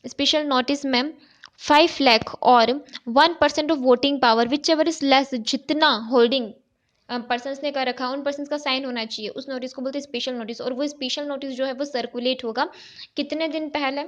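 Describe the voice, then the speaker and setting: Woman, accountancy lecture, asks and answers her own questions, high voice, muffled lo-fi sound. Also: fairly even intonation, moderate pace. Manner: explains step by step, poses questions and answers them, often says "ठीक है". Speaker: chartered accountancy tutor. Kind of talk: recorded exam-prep lecture. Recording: dull, lo-fi recording.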